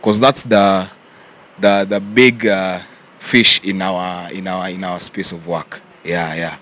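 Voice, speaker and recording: A young man with a Kenyan accent, answering interview questions in a relaxed way and mixing English with Swahili slang. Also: low-pitched, slow. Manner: relaxed, mixes English and Swahili slang, says "yeah" often. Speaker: content creator guest.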